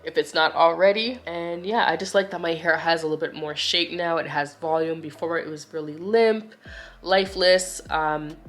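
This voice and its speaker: In a fairly low, slightly bright voice, a young woman narrates a hair vlog as a casual voice-over. The beauty vlogger is chatty and explanatory, talks to "you guys," and sounds a little nasal because of a cold.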